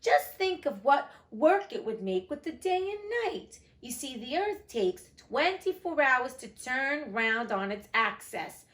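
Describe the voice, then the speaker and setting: A woman's voice: sits high, sing-song, slow pace, hardly any pauses, fairly bright tone, full character voice. A woman voicing a polite, earnest young storybook girl who is eager to show off.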